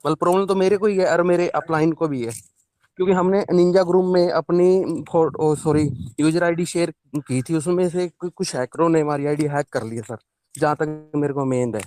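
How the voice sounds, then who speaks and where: A man's voice: a little high, moderate pace, darkish tone, smooth, no room sound. A man calling in with a worried question about his account. His audio breaks up and drops out, and he keeps repeating hello to check he is being heard. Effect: choppy call audio breaking up. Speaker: caller. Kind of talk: live call-in question. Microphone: phone or online call.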